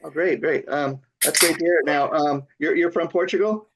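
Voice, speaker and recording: On a dull, lo-fi recording, an older TV host conducts a casual interview at normal speed, his voice on the high side and a bit bright. He keeps stammering and repeating himself, punctuating it all with eager wows.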